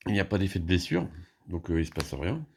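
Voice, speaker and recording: Low gravelly French-speaking man thinking aloud. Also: sing-song, quick pace, slight background noise. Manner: hesitant, many fillers and restarts, thinking aloud. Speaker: board game player explaining a solo playthrough. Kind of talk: casual play-by-play explanation.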